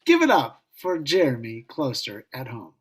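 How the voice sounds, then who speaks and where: A woman's voice: very deep voice, wildly swooping pitch, moderate pace, noisy background. A woman casually hosting a theatre showcase over a remote call. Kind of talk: casual event emceeing.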